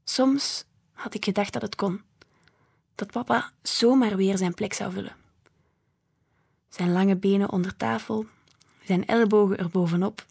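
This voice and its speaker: A woman reading a children's book aloud in a gentle, expressive way. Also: mid-range voice, vocal fry, slightly rough. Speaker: storyteller.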